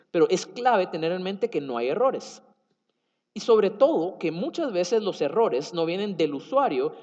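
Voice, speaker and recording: In a conference hall with lots of reverb and dull-sounding audio, a Guatemalan Spanish-accented man gives a tech talk. He has a fairly high, darkish voice and explains things with fillers and self-corrections.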